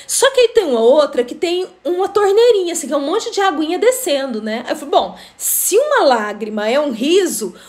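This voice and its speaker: A middle-aged woman hosts a casual live stream. Her voice sits high, and she tells stories in a relaxed, chatty way, breaking into laughter and greeting viewers by name. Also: a little fast, hardly any pauses.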